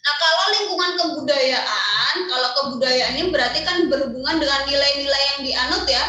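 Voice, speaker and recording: A woman's voice: sits high, brisk, pushed and bright, very echoey, distant mic, rough recording. A woman teacher giving an online class lecture, explaining step by step and answering her own questions.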